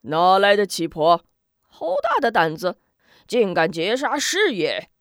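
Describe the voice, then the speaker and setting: A woman's voice: mid-range voice, sing-song, measured pace, clean tone, no room sound, clean studio sound. A woman voicing an arrogant, brutal male bandit chief who bellows orders with contempt. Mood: furious, bellowing.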